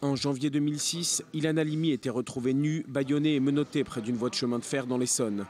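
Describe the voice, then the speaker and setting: A man's voice: medium pitch, steady tone, quick pace, a little mellow. A man reading a scripted news report as a radio reporter.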